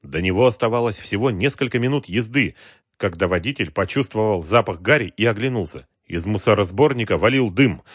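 A man narrating a thriller audiobook in an expressive, dramatic way. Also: fairly low pitch, brisk, slightly rough, dry recording, clean studio sound.

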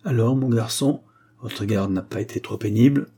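A formal examining magistrate, read by a male narrator in a story reading. He speaks courteously, in a low voice that is husky. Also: moderate pace, dark tone.

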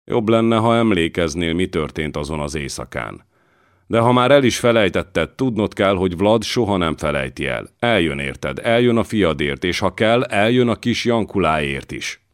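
A man's voice: sits low, expressive, no room sound, clean studio sound, voice pushed up. A man reading as a sly scheming old voivode. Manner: sly, insinuating.

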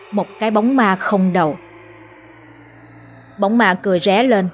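A woman telling a horror story in a steady, dramatic storytelling manner. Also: mid-range voice. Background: faint music.

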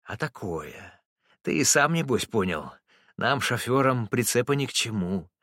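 A man's voice: big pitch swings, measured pace, a bit bright, dry recording, clean studio sound. A man voicing a sly, spiteful male driver who wheedles and needles in a raised, sneering voice. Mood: needling. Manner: sneering, needling, pitched high.

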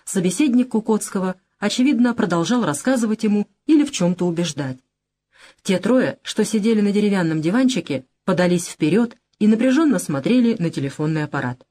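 Woman, audiobook narrator, expressive, lively pitch. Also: fairly quick. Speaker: audiobook reader. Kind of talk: scripted narration.

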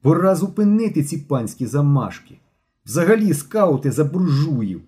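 A man voicing a hot-headed loud schoolboy. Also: a little high, moderate pace, pitched above the performer's own voice. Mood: indignant. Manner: excited, shouting.

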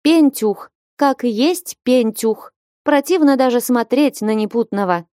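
A woman's voice: a little high, animated, unhurried, warm tone, no echo, clean studio sound, pitched above the performer's own voice. A woman reading an audiobook voices a bold, bossy young village woman who scolds and commands sharply. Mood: scolding.

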